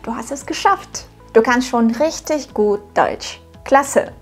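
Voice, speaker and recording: With faint music in the background, a woman with a rather high voice speaks slowly. In her thirties and not a native German speaker, she teaches German to camera from a home studio in a scripted lesson, directly addressing viewers in a bright, encouraging manner.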